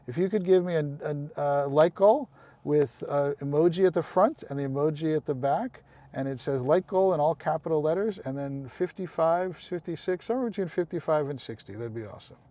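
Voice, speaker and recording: A man's voice: fairly high pitch, fairly quick, warm tone. A man hosting a casual live stream, chatting with viewers, calling them by name and making apologetic asides.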